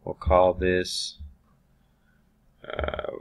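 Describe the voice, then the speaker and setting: A man teaching automation software over a screen recording, thinking aloud with ums and restarts. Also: deep voice, completely flat delivery, extremely slow. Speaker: automation instructor.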